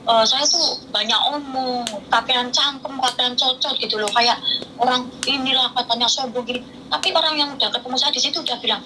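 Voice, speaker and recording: Fast-talking woman with a loud, blunt voice. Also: high-pitched, background noise. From East Lampung, Indonesia. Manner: loud, blunt, speaks hotly like arguing. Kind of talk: emotional personal chat.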